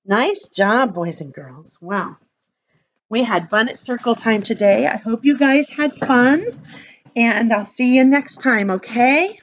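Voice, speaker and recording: A woman's voice: fairly high pitch, slow, highs cut off, a little hiss or hum. A woman leading circle time as a teacher, talking and reading to toddlers in simple, repeated phrases and questions. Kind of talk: reading and singing along to young children.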